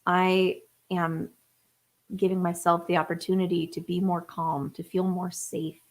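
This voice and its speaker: A woman's voice: fairly low pitch, little pitch movement, a little slow. A woman in her thirties chatting casually on a live stream, thinking aloud with fillers and restarts. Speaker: singer-songwriter livestream host. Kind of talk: casual livestream chat. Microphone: webcam or phone on a live stream.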